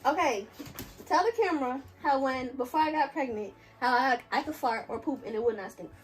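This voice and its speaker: A woman's voice: high voice, fairly quick, poor audio. A young woman in her early twenties, talking candidly and with giggles to the camera at home in a casual vlog. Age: early 20s. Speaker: vlogger.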